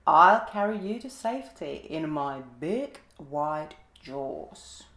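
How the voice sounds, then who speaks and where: A woman voicing a big, sly male alligator who coaxes slowly and falsely, reading a children's storybook aloud in an echoey room. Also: low voice, expressive, fairly bright tone, voice pushed down, heavily acted. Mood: coaxing. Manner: coaxing, slow.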